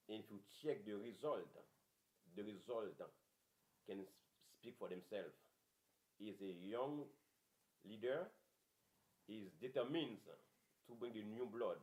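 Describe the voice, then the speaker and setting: Male pastor-host, halting delivery with repeated phrases, a bit low, echoey room. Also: a little mellow. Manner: halting, repeats phrases, mixes in some French. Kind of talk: hosting a community talk show.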